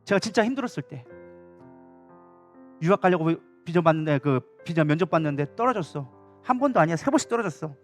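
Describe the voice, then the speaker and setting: A man's voice: on the high side, lively intonation, fast, soft background music. A male pastor preaching a sermon to his church in a passionate, conversational way. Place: church sanctuary during a Wednesday evening service.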